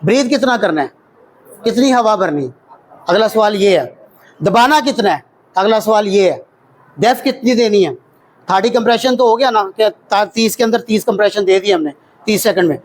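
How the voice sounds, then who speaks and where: Pakistani urdu accent guy teaching cpr, fairly high voice, counts out loud and quizzes the class. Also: animated, normal speed, low-quality recording. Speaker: CPR trainer. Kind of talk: hands-on workshop teaching. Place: training workshop room with children.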